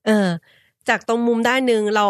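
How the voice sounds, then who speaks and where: A woman co-hosting a podcast who patiently explains things and retells what others said in a relaxed chat. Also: a little high, a little fast, dry recording, studio quality. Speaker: podcast co-host. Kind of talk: casual chat.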